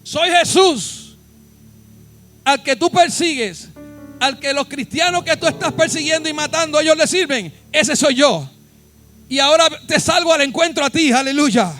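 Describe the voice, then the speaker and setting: A pastor voicing Jesus as a commanding man, proclaiming slowly and loudly. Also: very high-pitched, soft background music. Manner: loud, proclaiming, slow and emphatic.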